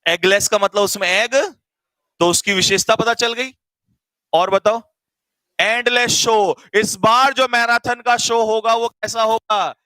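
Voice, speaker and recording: A man teaching an online English grammar class, quizzing students rapid-fire in a teasing, energetic way. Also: high voice, no room sound, low-quality recording.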